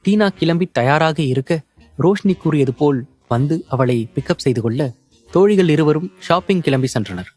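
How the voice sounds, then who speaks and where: A man reading an audio novel as narrator in a steady, measured storytelling manner. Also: fairly high pitch, no room sound.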